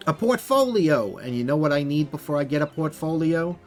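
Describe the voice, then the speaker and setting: A man voicing a brash, fast-talking male hat photographer who flatters everyone and calls them baby, in a video game. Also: on the high side, soft background music, voice pushed up. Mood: pushy flattering.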